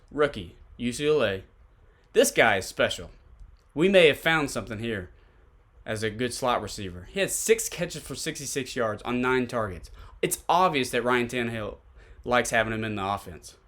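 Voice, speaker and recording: A man's voice: mid-range voice, expressive, moderate pace, a bit bright. A man with a Tennessee accent hosting a solo sports podcast, giving conversational football analysis and posing pointed rhetorical questions.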